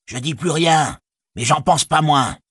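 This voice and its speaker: A sneering, quarrelsome male orc tracker snarls in a high, husky voice. A man performs him in an audiobook reading. The voice is dry and close. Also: unhurried, fairly bright tone, no echo, full character voice.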